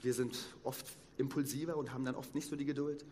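A man, a pastor, preaching a sermon with emphatic, slow stressed phrases, recorded in a church hall. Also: medium pitch, steady tone, a little mellow, a little hiss or hum. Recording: long reverb of a church hall.

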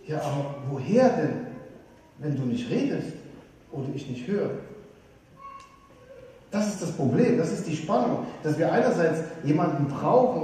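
A man from Saxony preaching a sermon, lively and putting questions straight to his congregation. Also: a little high. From Saxony, eastern Germany. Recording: echoey hall, voice from a distance.

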